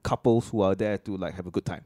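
A man's voice: low-pitched, steady tone, fast talker, dark tone, no room sound, studio quality. A Singaporean man joking casually and crudely in colloquial Singlish as a podcast host. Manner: speaks colloquial Singlish with lah and local phrasing.

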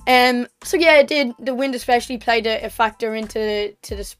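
A woman's voice: fairly high pitch, brisk, a bit bright, smooth, soft background music. A young woman with an Irish accent giving a casual, chatty, matter-of-fact recap as a running vlogger, often correcting herself. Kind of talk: casual training recap to camera.

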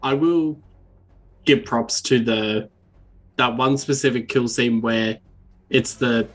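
A man's voice: mid-range voice, fairly even intonation, slow, soft background music. Rambling, swearing male podcast co-host. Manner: rambling, swears, acts out quoted voices. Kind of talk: casual chat.

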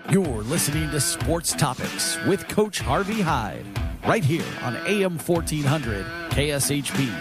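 Male old-school radio announcer for sports show intro, measured pace, lively inflection, prominent music bed. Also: on the high side. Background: plucked guitar music.

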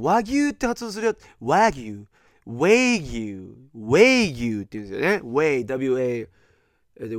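A man's voice: fairly high pitch, dry recording, studio quality. A middle-aged man hosting a podcast, chatting casually and telling a story in a loose, rambling way, with many fillers and acted-out reactions. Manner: animated storytelling, acting out others' reactions. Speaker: podcast host.

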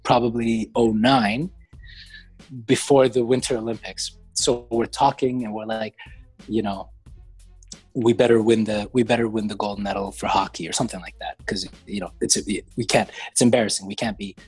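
Husky, laid-back man telling wry stories. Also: fairly low pitch, steady tone, normal speed, a little mellow, no echo, soft background music, rough recording. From Canada. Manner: laid-back, wry storyteller who laughs often. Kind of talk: casual group chat.

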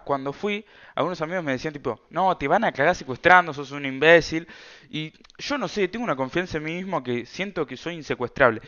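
A man's voice: fairly high pitch, a bit bright, smooth, lo-fi sound. Chatty young Argentine guy, slangy. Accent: Argentine Rioplatense Spanish. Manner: rambling, slang-heavy, chatty. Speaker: podcast host. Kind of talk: casual storytelling podcast. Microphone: self-recorded camera setup.

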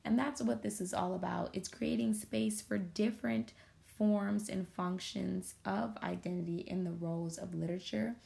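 A woman hosting a podcast, giving a measured, thoughtful introduction to the episode. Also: medium pitch, steady tone, creaky, dark tone. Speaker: podcast host.

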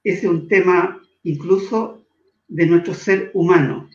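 Man from Chile, interview guest, earnest, measured, echoey room. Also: sits high, lo-fi sound. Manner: earnest, measured, shifts between slow emphasis and quick asides. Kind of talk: reflective interview talk.

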